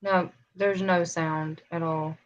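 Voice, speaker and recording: A woman hosting a casual live chat, animated and teasing. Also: fairly low pitch, slow, highs cut off. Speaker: live show host.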